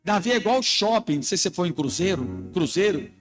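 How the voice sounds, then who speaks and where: Animated high-voiced male pastor preaching. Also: quick pace. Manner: animated preaching, telling stories and quoting himself. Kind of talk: sermon. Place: church conference hall. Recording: preaching with music playing behind. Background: music.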